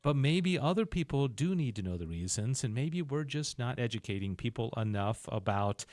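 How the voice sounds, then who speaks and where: A man's voice: medium pitch, lively intonation, moderate pace, a little mellow, no echo. Male podcast host, casual teacher, dead-dry close mic. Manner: explanatory, repeats "okay?" and restarts, chuckles. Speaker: podcast host explaining Thomistic philosophy.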